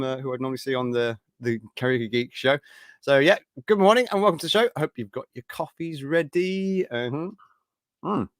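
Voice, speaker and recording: A man's voice: medium pitch, a bit bright, no echo, clean studio sound. Rambling upbeat British man hosting. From Britain. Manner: upbeat, rambling, many fillers. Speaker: live-stream show host. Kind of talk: casual live-stream chat.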